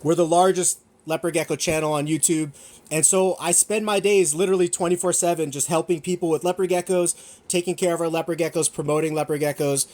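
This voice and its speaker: A man's voice: on the high side, fairly even intonation, brisk, a little mellow. Chatty man hosting a gecko livestream. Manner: enthusiastic, rambling, self-correcting. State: eating while talking. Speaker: gecko breeder and shop owner hosting a livestream. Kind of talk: casual livestream sales chat.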